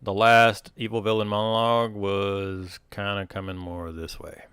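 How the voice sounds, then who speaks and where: Low, smooth-voiced man running a tabletop game. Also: flat delivery, moderate pace, fairly bright tone, dry recording. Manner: colloquial, explanatory. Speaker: game master. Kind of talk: casual tabletop game narration.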